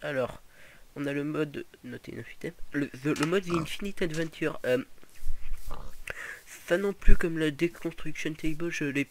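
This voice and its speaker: A man's voice: on the high side, moderate pace, a little hiss or hum. A young man giving casual gameplay commentary, rambling with lots of fillers and restarts. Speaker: gaming video host.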